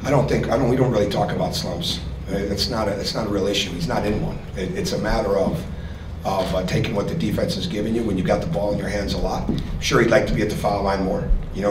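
A man's voice: lowish voice, steady tone, brisk. A middle-aged man, a basketball coach, answering questions at a postgame press conference in an earnest manner, often repeating words while he thinks. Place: press room with sponsor backdrop. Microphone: podium mic. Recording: echoey room, distant mic, noisy.

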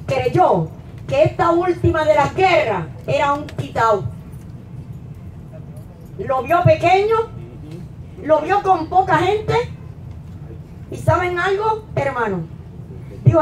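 A middle-aged woman pastor preaching a sermon at a pulpit into a handheld mic, rising to emphatic peaks and then dropping low. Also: slight background noise. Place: small church hall, at a wooden pulpit. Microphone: handheld mic, filmed from a distant camera. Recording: echoey church hall from far off.

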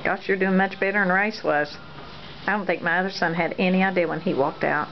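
A woman's voice: fairly low pitch, steady tone, a little fast, soft background music. A middle-aged woman, a mother chatting casually while filming her son. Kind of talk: casual chat. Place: small dental treatment room, indoors. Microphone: behind the handheld camera. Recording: dull, noisy handheld camera audio.

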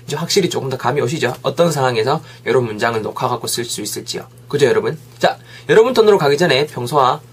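A man teaching English phrases in a lively way, saying each sentence slowly for learners to repeat. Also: mid-range voice, slightly rough. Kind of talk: English lesson.

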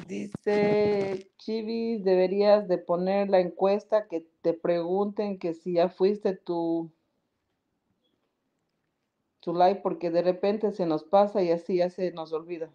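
A woman's voice: lowish voice, steady tone, takes it slowly, lo-fi sound. A woman hosting a casual live stream, chatty and laughing often as she greets viewers by name. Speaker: podcast live-stream host. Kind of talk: casual live-stream chat reading comments.

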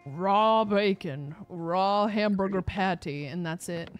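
A woman's voice: medium pitch, slow, soft background music. A woman streaming a game as host, chatting casually with a giggly, rambling manner full of fillers. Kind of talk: casual gaming chat.

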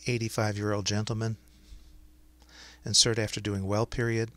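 A man with a fairly low, crisp and forward voice is dictating clinical notes to software. He speaks his punctuation aloud, and the sound is close and dry. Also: flat delivery, normal speed, dry recording. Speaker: software demonstrator.

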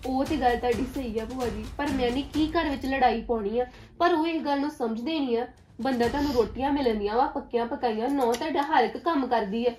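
Actress as young married niece: high, fast delivery, indignant and complaining; web series drama. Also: female voice, a little mellow, soft background music, natural voice. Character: young married woman aggrieved at her in-laws.

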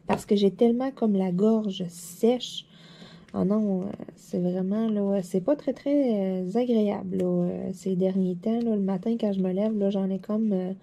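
A diamond painting vlogger with a Quebec French accent chats casually while crafting, rambling and laughing often. Her mid-range voice is warm, though a dry throat makes it a bit hoarse.

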